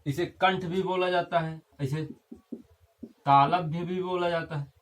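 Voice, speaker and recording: Fairly high-voiced male grammar teacher. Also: steady tone, unhurried. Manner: keeps checking in with the class, repeats key terms. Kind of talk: classroom-style lesson.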